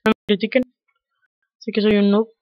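A man with a Mexican accent giving casual gameplay commentary over a headset, muttering quietly to himself in slang with sudden excited outbursts. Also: high voice, normal speed, no echo, highs cut off. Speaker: gamer.

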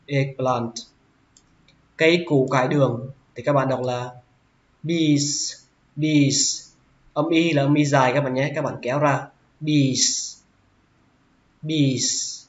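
A man teaching English vocabulary, who says each word slowly and repeats it several times. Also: fairly high pitch. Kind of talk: vocabulary lesson. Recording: roomy, dull lo-fi sound.

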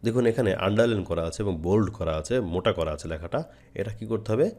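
Speaking on the low side with a darkish tone, this Bangladeshi man guides learners through Quran recitation one step at a time. First he models a phrase with extended chanting, then he explains it simply.

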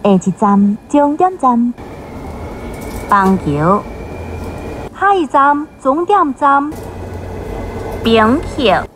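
A woman's measured station announcement comes over a train intercom, with clear enunciation. She speaks slowly, her pitch rising and falling in a lively pattern, and faint noise sits behind her. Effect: over the train's intercom loudspeaker. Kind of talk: recorded transit announcements.

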